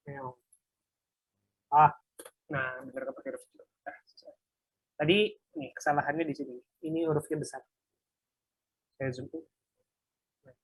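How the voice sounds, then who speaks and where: A workshop instructor with a mid-range, gravelly, husky voice casually walks through a live coding example, thinking aloud as he types and muttering asides. He laughs lightly at his own mistakes, and there's no echo.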